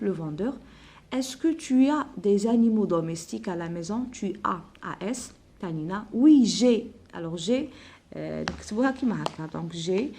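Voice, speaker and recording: A woman with an Algerian accent teaching French grammar, reading exercises slowly, spelling out letters and explaining in Arabic. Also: lowish voice, creaky, a little mellow, a little hiss or hum. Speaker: primary school teacher.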